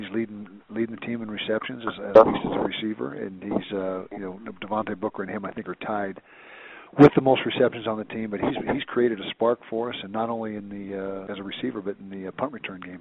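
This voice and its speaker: A man's voice: fairly low pitch, breathy edge. A man, a college football head coach, answering reporters' questions on a teleconference, rambling with many restarts and fillers. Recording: tinny phone line.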